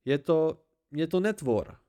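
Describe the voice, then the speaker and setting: A man voicing Bast, a volatile young fae man who pleads and shouts in high, excitable outbursts, in an amateur audiobook. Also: close to an everyday voice. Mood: agitated.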